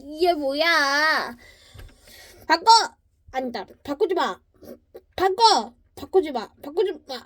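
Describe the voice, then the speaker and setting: A woman voicing every character in a comic cartoon, switching between them and breaking into shouts and mock crying. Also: high voice.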